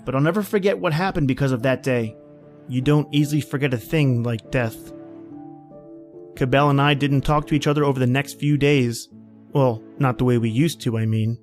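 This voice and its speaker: In an old-time radio drama, an actor plays an edgy, short-tempered man at a remote outpost, narrating in first person with terse, reflective delivery. His mid-range voice has a darkish tone and moderate pace, close to everyday speech, over soft background music. The mood is somber and reflective.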